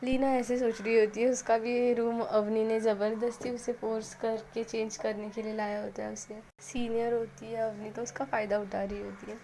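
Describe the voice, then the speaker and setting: Young woman storyteller, high and even. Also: moderate pace, few pauses, slight background noise, poor audio. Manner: casual Hindi mixed with English words, voices each character's lines. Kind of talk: narrated love story with acted dialogue.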